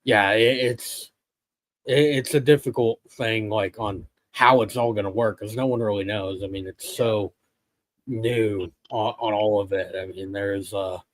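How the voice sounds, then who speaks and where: A man's voice: on the low side, fairly even intonation, measured pace. A man on a sports show panel, explaining things casually and somewhat hesitantly.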